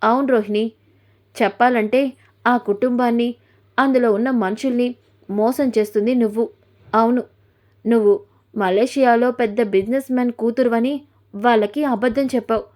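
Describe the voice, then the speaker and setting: A woman's voice: fairly high pitch, darkish tone, close to an everyday voice. A woman voicing a frank young female friend who bluntly reproaches her friend, in a retold serial story.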